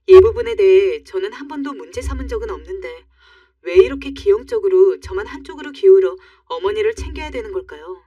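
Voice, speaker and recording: A woman's voice: medium pitch, mellow, no echo, studio quality, far from the mic. Indignant woman narrating a story. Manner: indignant, confiding first-person telling. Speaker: narrator of a first-person story.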